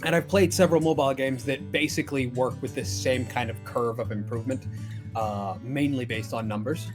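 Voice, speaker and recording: A man chatting casually as a podcast co-host, rambling and stammering, with a dry throat he keeps clearing. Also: mid-range voice, fairly quick. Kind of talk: casual chat. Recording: faint intro music looping behind.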